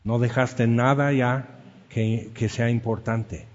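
A man's voice: mid-range voice, steady tone, slow pace, big-room sound, muffled recording. A man preaching a sermon, telling stories and acting out the quotes in them. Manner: storytelling with acted-out quotes. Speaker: pastor.

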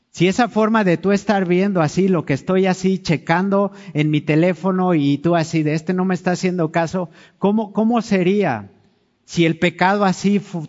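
A man's voice: sits high, a little mellow. A man preaching a sermon, talking with the congregation and asking them questions. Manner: conversational, asks the congregation questions. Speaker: pastor. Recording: dull sound with long hall reverb.

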